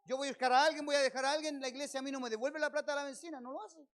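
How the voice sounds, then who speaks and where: A man with a Chilean accent preaching a sermon as pastor at a church service, firing rhetorical questions at his congregation and swelling loud on key phrases. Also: very high voice, fairly even intonation, very fast.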